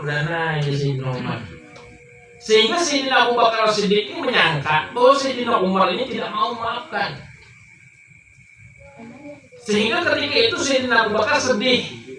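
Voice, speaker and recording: A man preaching a sermon, telling a story that often climbs high and emphatic. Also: bright, forceful tone. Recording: echoey room, mic far off, faint noise.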